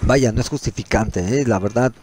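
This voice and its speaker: A man with a Mexican accent giving profane, excitable commentary while playing a shooter game. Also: mid-range voice, normal speed, slight background noise. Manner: excitable, swears constantly, yells at enemies. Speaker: gameplay streamer.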